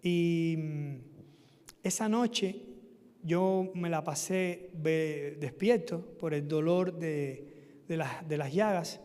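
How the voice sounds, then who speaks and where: A young man from Cuba tells his story as a sermon, his voice pitched high for a man. He tells it with animated, vivid energy and cries out the shouts he remembers. His voice rings through a long reverb in the church sanctuary. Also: takes it slowly, clean tone. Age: young adult. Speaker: guest preacher. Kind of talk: testimony sermon.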